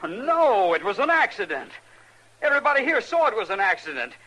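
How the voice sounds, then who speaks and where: A defensive, wary gunfighter. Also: male voice, high-pitched, big pitch swings, fairly quick, bright, forceful tone, exaggerated voice, low-quality recording. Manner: pleading, persuasive. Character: smooth-talking male gunfighter, defensive and wary. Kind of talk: 1950s radio drama acting.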